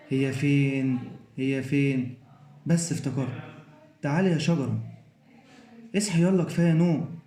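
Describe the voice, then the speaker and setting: A man's voice: medium pitch, close to an everyday voice. A man acting as an old, flustered Santa Claus in a children's play. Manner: fussy, harried, hushing. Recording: echoey room.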